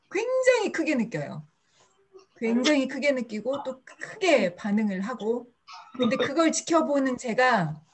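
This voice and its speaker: A woman from the audience earnestly explains her difficulty in halting, word-searching speech. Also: fairly high pitch. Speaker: audience member asking a question. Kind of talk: question-and-answer talk.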